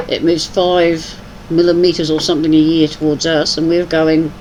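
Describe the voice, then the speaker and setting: Speaking at normal speed in a low, darkish voice with flat delivery, an older woman of mixed New Zealand and English accent chats and teases while playing a game on stream. The rough recording has a little hiss or hum.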